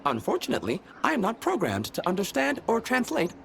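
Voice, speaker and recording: A too-smooth service android. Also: male voice, high-pitched, huge pitch swings, fast talker, full character voice. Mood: smooth, eager. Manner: slick, salesman-like, too polished. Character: overly smooth, eager male service android. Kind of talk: video game voice acting. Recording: game audio with ambient noise.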